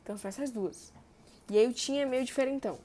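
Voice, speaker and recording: A young woman, teaching verb tenses in a chatty way and stretching example words slowly. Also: on the high side, warm tone. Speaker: Portuguese grammar teacher. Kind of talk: explaining verb tenses on a board.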